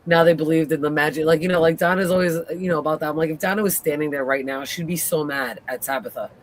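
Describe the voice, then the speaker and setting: A woman's voice: low voice, steady tone, quick pace. A woman co-hosting a live TV recap, talking bluntly and swearing freely as she gets heated. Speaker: co-host. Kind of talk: casual live TV recap chat.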